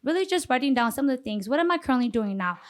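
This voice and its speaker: Female pageant contestant, higher register, earnest and formal interview delivery. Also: lively intonation, very fast. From Minneapolis, Minnesota.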